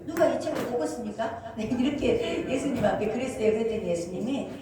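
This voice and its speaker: A woman who directs a prayer house, giving an animated testimony sermon and acting out dialogues with frequent laughter. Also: a little high, brisk, a crowd in the background. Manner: animated storytelling, acts out dialogues, laughs often. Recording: echoey hall from far off.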